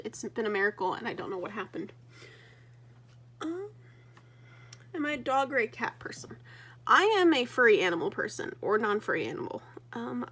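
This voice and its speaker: A young adult woman from Colorado talks casually while working on a craft project. Her voice sits a little high, and she speaks hesitantly and self-consciously, leaning on frequent ums and small restarts. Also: a bit bright, slightly rough. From Colorado, USA. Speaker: crafting vlogger.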